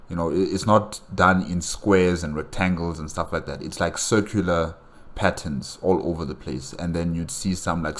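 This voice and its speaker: A man hosting a casual game reaction, musing aloud and searching for words. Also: sits low. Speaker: reaction video host.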